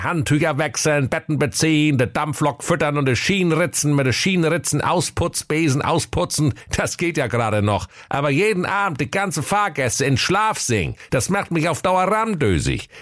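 A man voicing a cheeky, dim-witted young train conductor, with a silly high voice. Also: a bit bright, no echo, studio quality. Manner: goofy, cheeky, high-pitched.

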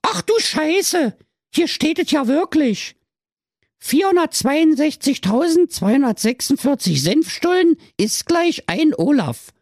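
A narrator voicing a dim-witted, frantic young mother with a Berlin accent in a squeaky, shrieking voice. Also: big pitch swings, unhurried, darkish tone, dry recording, studio quality, exaggerated voice. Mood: panicked.

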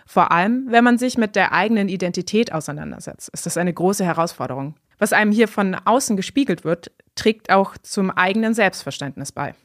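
A woman hosting a podcast, reading scripted narration in a calm, even way. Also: mid-range voice, brisk, hardly any pauses, no echo, clean studio sound. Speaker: podcast host.

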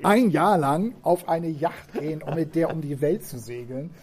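A man's voice: a little high, normal speed, a little mellow. A man presenting a book on a podcast in casual chat, hesitant and full of fillers, and enthusiastic about it. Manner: hesitant, with many fillers and restarts.

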